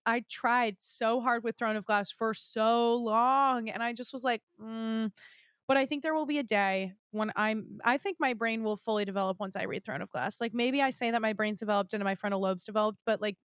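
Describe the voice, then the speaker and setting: A young woman hosts her own podcast in a casual solo chat, gushing in a bubbly way to her listeners about what she loves lately and addressing them directly. Her slightly high, clean voice is brisk with few pauses, recorded dry at studio quality.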